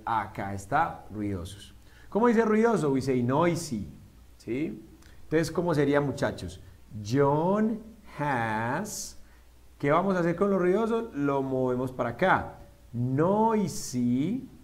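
Man, teacher, slightly high-pitched voice, patient, slow careful examples, quizzes students. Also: a little mellow. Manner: often checks in with a quick "¿sí?". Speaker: English teacher. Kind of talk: online classroom lesson.

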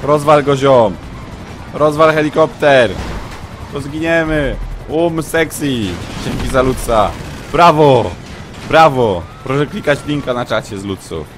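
A man commenting live on his own gameplay, muttering to himself and breaking into shouts and yelps when things go wrong. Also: medium pitch, a little slow, soft background music. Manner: excitable, shouts and yelps when under fire. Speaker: gaming streamer.

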